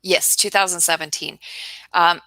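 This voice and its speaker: A woman's voice: lowish voice, steady tone, moderate pace, bright, forceful tone, dry recording, low-quality recording. A woman co-hosting a podcast, chatting casually in an upbeat, matter-of-fact way. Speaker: podcast co-host. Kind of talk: casual chat.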